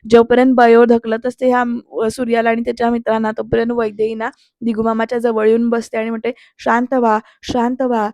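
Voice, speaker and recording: A woman's voice: fairly high pitch, completely flat delivery, fast talker, dark tone, no room sound, highs cut off. A woman narrating a voice-over episode recap of a TV serial, chatting directly to her viewers. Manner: chatty storyteller addressing viewers. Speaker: serial reviewer.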